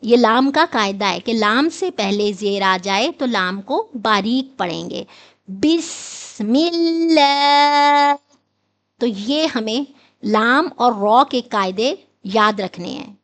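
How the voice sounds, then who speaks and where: A woman's voice: medium pitch, animated, a bit bright. A middle-aged woman teaching Quran recitation, explaining patiently and drawing out each sound as she demonstrates it. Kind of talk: instructional lesson.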